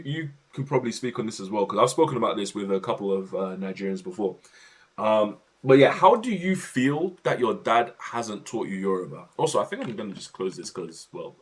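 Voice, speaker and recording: A young man chatting casually on his livestream, slang-heavy and talkative, in his home office. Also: fairly low pitch.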